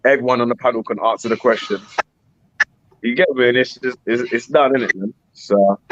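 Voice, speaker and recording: Hosting a casual live panel chat, a man with a London roadman accent talks in street slang and keeps tagging his points with little questions. His medium-pitched voice is fairly quick and bright with fairly even intonation, though the recording is muffled.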